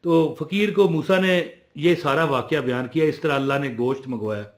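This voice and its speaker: A man telling a religious story, animated, moving between loud emphasis and quiet asides. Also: a little high, moderate pace, reverberant.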